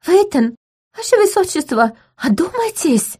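A woman voicing a spoiled, possessive young duchess who chirps and turns shrill and indignant. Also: big pitch swings, measured pace, a little mellow, full character voice.

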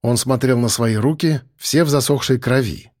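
A man narrating a first-person audiobook in a wry, lively storytelling manner. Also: mid-range voice, normal speed, dry recording, studio quality.

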